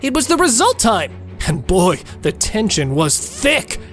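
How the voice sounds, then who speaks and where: A woman narrator with a medium-pitched, very animated voice delivers gossipy scripted recaps. She is cheeky and theatrical, with faint music underneath. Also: a little slow. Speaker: show narrator.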